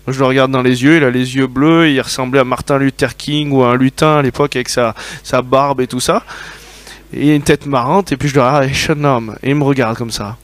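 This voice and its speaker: A man preaching a sermon, telling personal stories in a lively way and often asking his listeners whether they agree. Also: medium pitch, brisk. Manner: lively storytelling, asks the audience for agreement.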